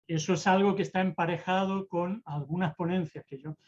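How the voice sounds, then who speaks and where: A presentation-skills mentor gives an online talk on public speaking. The delivery is theatrical, with deliberate shifts in tone and pace. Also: medium pitch, steady tone, darkish tone, dull audio.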